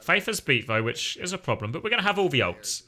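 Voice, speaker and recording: A male streamer with a very bright, sharp voice and a lively, swooping delivery. He chats casually with viewers and reacts to the match with wry, sweary excitement. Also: a little high, quick pace. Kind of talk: casual live reaction commentary, chatting with viewers.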